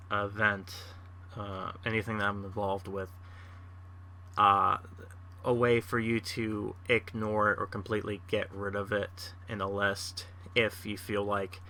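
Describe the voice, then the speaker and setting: A man with a lowish, bright and forceful voice rambles casually as a gameplay channel host, pausing and restarting his thoughts often. A faint hiss of noise sits under the recording. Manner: rambling, lots of uh fillers and restarts.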